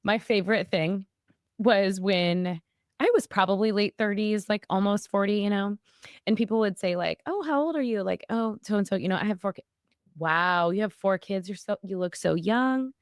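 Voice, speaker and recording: A woman's voice: mid-range voice, moderate pace, no echo, clean studio sound. Woman in her forties, chatty podcast co-host. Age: 40s. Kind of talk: casual chat.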